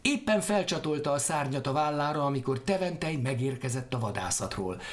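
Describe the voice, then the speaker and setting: Male storyteller, animated pitch, expressive folk tale reading. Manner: lively, expressive. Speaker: narrator.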